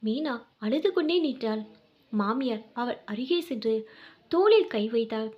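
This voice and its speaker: A woman with a Tamil accent narrating a scripted family story in a measured, even reading voice with short dramatic pauses. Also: fairly high pitch, breathy edge, muffled recording.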